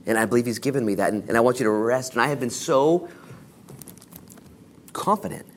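An American man preaching an informal sermon as a pastor, exhorting in casual, slangy language and shifting between hushed and emphatic delivery. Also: medium pitch, lively intonation, a little fast, slight background noise. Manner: casual, colloquial, exhorting, with slangy asides and acted-out quotes.

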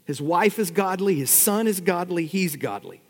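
Emphatic preacher in a reverberant hall. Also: male voice, high voice, lively intonation, normal speed. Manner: emphatic, asks the congregation rhetorical questions. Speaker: pastor. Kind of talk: expository sermon. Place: church sanctuary.

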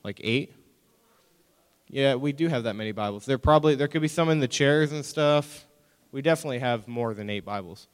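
Lively young man preaching, smooth voice. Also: mid-range voice, fairly quick, big-room sound. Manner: animated storytelling with mock-whiny quoted voices. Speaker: youth pastor. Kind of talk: youth group sermon.

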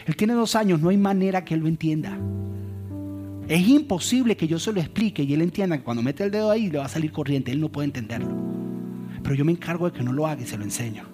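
A male pastor in his thirties delivers a sermon, moving from animated storytelling to hushed emphasis. His voice sits a little high, and a guitar plays clearly underneath him throughout. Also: fast talker. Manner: animated storytelling, swings between loud and hushed. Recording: guitar music playing underneath.

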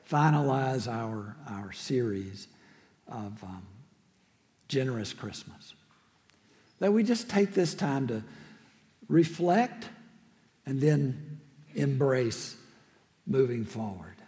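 A man with a raspy, gravelly voice preaching a sermon as a church minister, in a reflective, halting way. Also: mid-range voice, expressive, mellow. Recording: long hall reverb.

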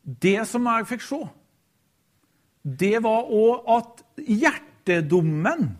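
A man preaching a sermon, retelling a story in a halting way with frequent hesitations and repeated quote tags. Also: sits high, very animated. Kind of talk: sermon with a retold deathbed story.

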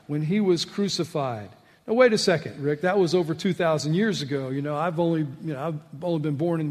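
Emphatic high-voiced preacher in a reverberant hall. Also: male voice. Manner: emphatic, swings between loud rhetorical questions and low asides. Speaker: pastor. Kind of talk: sermon.

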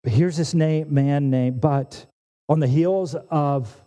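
A man in his forties preaching with animated emphasis, his pitch sitting a little high and his tone dark and mellow. He often restarts phrases as he drives his points home. His voice carries a long reverb, as in a church sanctuary. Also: slow pace. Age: 40s. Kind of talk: sermon.

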